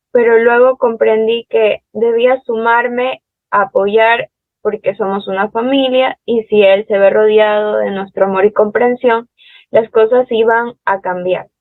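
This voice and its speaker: A young woman speaks earnestly, reading a prepared account. Her voice is fairly high. It sounds thin and phone-like, with no room around it. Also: dry recording. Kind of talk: prepared personal testimony.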